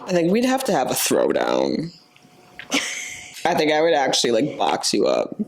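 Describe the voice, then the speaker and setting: A woman's voice: low voice, wildly swooping pitch, moderate pace, creaky, darkish tone, a little hiss or hum. A young woman co-hosting a podcast, chatting candidly with her partner, laughing often and filling her talk with "like". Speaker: podcast co-host. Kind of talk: casual chat.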